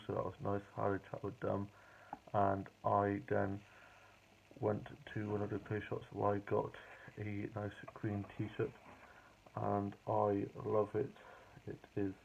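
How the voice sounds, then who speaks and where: A young British man chatting casually and quietly at home in the evening, rambling through his day for a diary vlog, filmed on a phone at arm's length. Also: fairly low pitch, vocal fry, muffled recording, slight background noise. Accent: British English. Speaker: vlogger. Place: hallway home office, indoors at night. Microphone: phone or webcam at arm's length.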